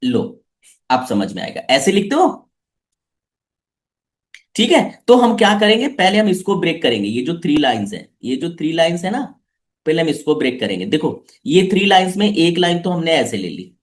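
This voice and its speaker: A man's voice: a little high, big pitch swings, normal speed. A man teaching a live online class for children, coaxing them with repeated questions.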